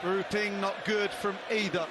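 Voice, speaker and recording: A man's voice: high-pitched, flat delivery, unhurried. A man giving live darts commentary with conversational analysis of play. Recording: loud crowd noise behind commentary. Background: noisy darts crowd.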